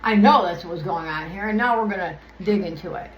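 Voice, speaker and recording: Fast-talking and lowish in pitch, this woman rambles through an oracle card reading vlog, irritated and swearing as she rants and loses her thread. The sound is lo-fi with a little hiss or hum, in an echoey room with faint ambience.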